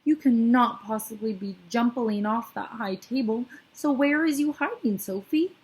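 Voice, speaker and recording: A woman's voice: on the high side, moderate pace, darkish tone, voice pushed up, lightly acted, poor audio. A woman voicing a big, kindly male giant, timid but clever, who speaks in an eager, slightly raised voice with mangled grammar. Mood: anxious, coaxing.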